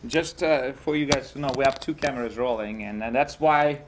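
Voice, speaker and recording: A man's voice: medium pitch, lively intonation, moderate pace. A young man from Russia, speaking English with a Russian accent, chatting as a guest with many fillers, restarts and jokes. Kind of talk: casual interview chat.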